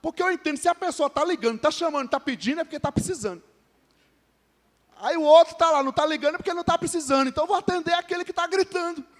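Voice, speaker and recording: A man with a Brazilian Portuguese accent preaches in a strikingly high voice. He keeps turning to the congregation with questions and teases members by name. His words carry a long reverberant tail from the church hall. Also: very fast. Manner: conversational preaching with frequent calls to the congregation; jokes with named members of the congregation. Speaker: pastor. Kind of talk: sermon.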